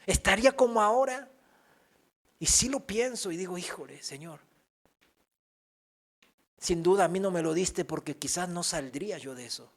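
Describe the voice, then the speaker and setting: Male pastor with a high voice, animated sermon delivery with comic put-on voices. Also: moderate pace, pauses often. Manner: animated preaching, acts out whiny voices for comic effect. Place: church.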